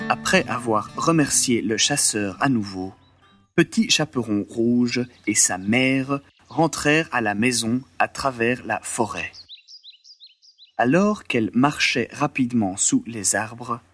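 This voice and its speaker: A man narrating a storybook in an expressive, dramatic way with a slightly husky voice. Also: mid-range voice, takes it slowly, soft background music. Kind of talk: storybook reading.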